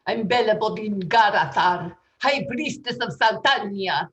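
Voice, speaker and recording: A woman plays a grandiose high priestess who declaims her curses in a loud, theatrical voice. She speaks slowly and deliberately and takes her time over each pronouncement. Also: lively intonation. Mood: grandly menacing. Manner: booming, theatrical proclamations. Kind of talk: improvised comedy scene.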